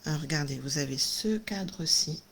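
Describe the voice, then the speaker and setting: Chatty woman with a somewhat low voice. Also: lively intonation, moderate pace, creaky. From France. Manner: chatty, enthusiastic, many fillers and little exclamations. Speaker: craft video host. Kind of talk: casual live unboxing chat. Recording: noisy home recording.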